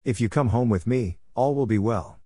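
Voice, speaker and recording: A man's voice: medium pitch, normal speed, mellow, slightly rough, no echo, studio quality, lightly acted. A man voicing a frightened young wife who pleads desperately, in an audiobook reading. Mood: pleading.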